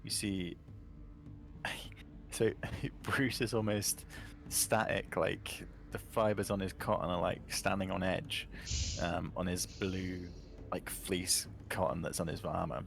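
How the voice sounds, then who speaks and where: Low gravelly game master. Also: male voice, steady tone, slow, a bit bright, slight background noise. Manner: casual, descriptive narration with fillers. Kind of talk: narrating a tabletop game.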